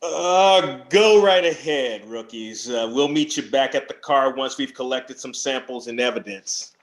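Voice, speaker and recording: A man reading the part of a gruff veteran ghost hunter in a live script reading, curt and commanding. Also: mid-range voice, expressive, moderate pace, fairly bright tone, reverberant, close to an everyday voice. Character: veteran male Ghostbuster, gruff, takes charge.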